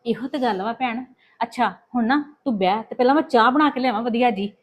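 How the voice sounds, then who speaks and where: Fast-talking woman in a family drama. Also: a little high. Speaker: housewife sister in a family web drama. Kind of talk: scripted family drama dialogue.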